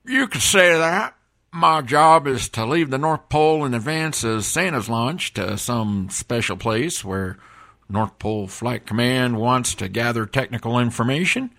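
A man voicing a gruff, blunt male elf flight tracker who talks in plain, rough grammar, as a guest on a comedic podcast. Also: medium pitch, fairly bright tone. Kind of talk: comedic audio podcast acting.

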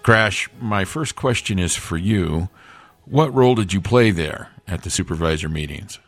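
Man as a deep-voiced elf news host. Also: expressive, normal speed, no room sound. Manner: formal newscaster delivery. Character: smooth male elf radio news host. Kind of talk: comedic audio podcast hosting.

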